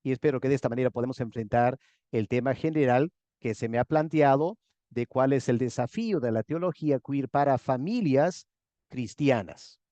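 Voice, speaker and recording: Man, pastor, theology lecture, measured, mellow dark voice, dry close sound. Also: mid-range voice, no echo, dull audio. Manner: measured, repeats key words, checks in with "¿ok?". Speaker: pastor lecturing a master class.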